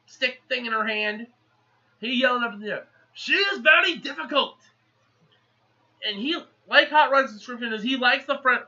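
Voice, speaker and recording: A man giving a casual, rambling movie plot recap in a chatty, animated way. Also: high voice. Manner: chatty, animated, acts out characters. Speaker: movie reviewer. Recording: slightly muffled lo-fi recording.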